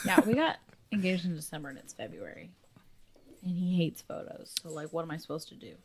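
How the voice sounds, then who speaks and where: Chatty young woman, lively pitch. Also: a little fast, breathy edge. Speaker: podcast co-host. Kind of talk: casual podcast banter.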